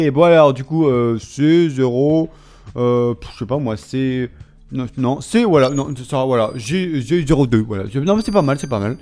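A man's voice: medium pitch, moderate pace, a little mellow. A man giving casual let's play commentary, mumbling and mocking himself while he plays and reads the game aloud. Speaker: gamer.

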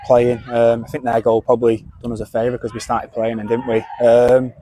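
A man's voice: medium pitch, monotone, brisk, mellow, slight background noise. A young man, a footballer giving a post-match interview outdoors at a ground on a lapel mic, adding tag questions.

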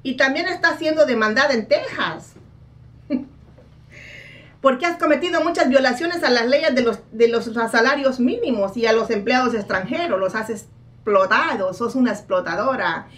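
A woman's voice: fairly high pitch, expressive, moderate pace, fairly bright tone, distant mic. A woman playing a brash female psychic who scolds and mocks in a dramatic comic card reading. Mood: scolding. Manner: scolding, dramatic, laughs at her own jabs.

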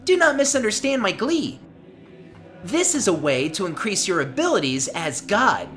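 A woman's voice: medium pitch, big pitch swings, normal speed, fairly bright tone, soft background music. A woman playing a polite, eager young angel girl in a video game, explaining things in formal, deferential language. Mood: bright, eager. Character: polite, chirpy young girl angel serving her lord.

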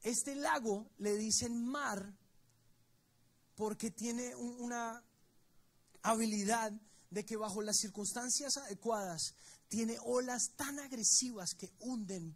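Emphatic preaching man in church. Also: very high-pitched. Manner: emphatic storytelling, addressing the congregation directly. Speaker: pastor. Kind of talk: sermon. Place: church service.

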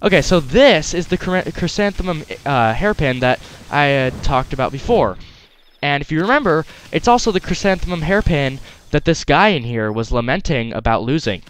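A man's voice: fairly high pitch, animated, moderate pace, fairly bright tone, a little hiss or hum. A man hosting a gaming video with casual, playful let's-play commentary. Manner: playful, jokey, puts on voices and noises. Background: faint game music.

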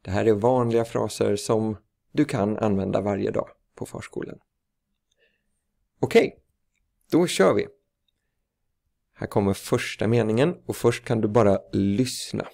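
A man teaching Swedish phrases for preschool work, speaking slowly and carefully with filler sounds. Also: lowish voice, steady tone, gravelly, warm tone. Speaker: language teacher. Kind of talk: slow instructional explanation.

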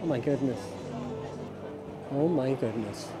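This middle-aged vlogger speaks a little slowly in a mid-range voice while giving casual, enthusiastic commentary on a walking tour. He often exclaims and repeats phrases, and the busy outdoor street market around him is noisy with crowds and background music.

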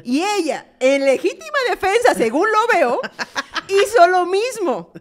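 A woman's voice: very high voice, big pitch swings, unhurried. A young Mexican woman co-hosting a podcast in casual chat, playful and teasing, joking along. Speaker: podcast co-host.

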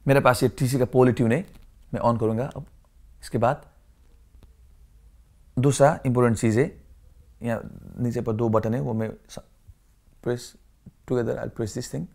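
A man's voice: medium pitch, steady tone, measured pace, gravelly, pauses often, darkish tone. A man teaching a beginner guitar lesson, switching between Hindi and English, often repeating and correcting himself. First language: not Hindi. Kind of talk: casual lesson explanation.

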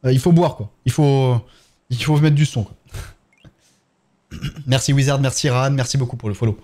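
A man's voice: mid-range voice, moderate pace, mellow. A man with a French accent, chatting casually on a live game stream and thanking viewers one by one as he plays.

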